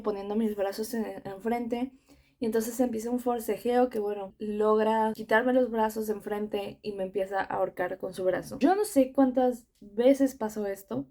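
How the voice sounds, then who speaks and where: A woman's voice: fairly high pitch, mellow. A young woman with a Mexican Spanish accent, earnestly telling her own story to camera in a conversational way. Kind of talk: personal testimony.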